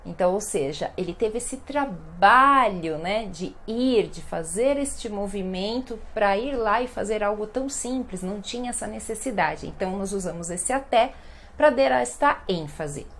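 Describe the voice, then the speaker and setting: A woman teaching a lesson, explaining slowly and repeating example sentences, often adding "né". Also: medium pitch, expressive. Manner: frequent tag questions "né". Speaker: Portuguese teacher. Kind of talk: online language lesson.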